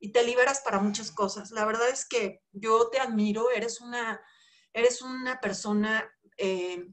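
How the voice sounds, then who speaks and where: A woman's voice: on the high side, a little slow, fairly bright tone. Middle-aged Mexican woman hosting an interview. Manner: reflective, with fillers like "este" and "pues". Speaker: host. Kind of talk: casual interview talk.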